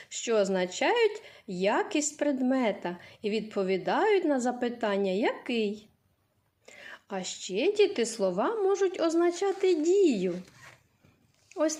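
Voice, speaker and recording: With a high, slightly mellow voice, a woman teaches reading to young children. Her questions come slow and sing-song, simple enough for small kids, and she answers them herself.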